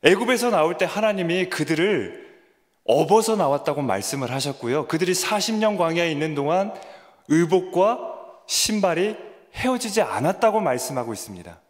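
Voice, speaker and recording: A man's voice: a little high, big pitch swings, moderate pace. A man preaching a sermon as a junior pastor, questioning his listeners and building to emphatic peaks. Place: church sanctuary. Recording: long church reverb.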